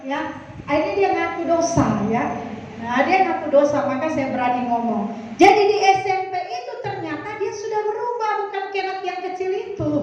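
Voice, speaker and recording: A middle-aged woman pastor preaching a sermon, telling personal stories in a chatty way and acting out the voices in them. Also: very high-pitched. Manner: chatty storytelling, acts out voices in quotes. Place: church hall. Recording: echoey hall from far off, dull sound.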